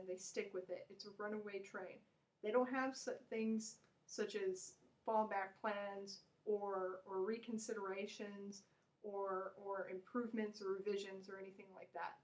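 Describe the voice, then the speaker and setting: A woman's voice: fairly even intonation, normal speed, poor audio. Blunt American woman ranting casually. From United States. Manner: blunt, opinionated, rambling with restarts. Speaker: vlogger. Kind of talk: casual opinion rant to camera. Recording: low-volume home recording.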